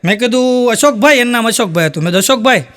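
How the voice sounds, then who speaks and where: A male stand-up comic with a rural Saurashtra Gujarati accent, his voice pitched very high and ringing bright. He tells jokes live and jumps into raised voices for the characters he quotes. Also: expressive, very fast. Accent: Gujarati, Saurashtra rural dialect. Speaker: stand-up comedian. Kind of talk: live stand-up joke telling.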